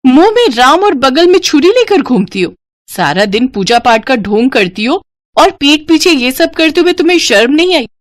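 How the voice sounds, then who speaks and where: A woman's voice: sits high, lively intonation, unhurried, pitched above the performer's own voice. A woman voicing a spoiled, scheming young sister-in-law who whines and accuses. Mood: scornful. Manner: whiny, accusing, sharp.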